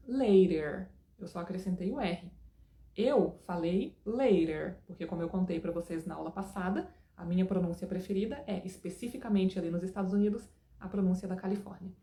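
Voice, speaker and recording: A woman's voice: medium pitch, warm tone, reverberant. A woman teaching an English lesson in a casual, chatty way, often checking in with her students.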